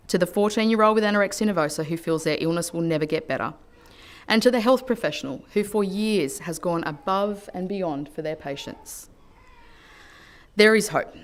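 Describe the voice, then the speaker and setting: An Australian woman speaks in a legislative chamber, delivering a prepared parliamentary speech. Her voice sits somewhat low for a woman, and her delivery is earnest and measured. She is picked up by a lectern microphone. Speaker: politician.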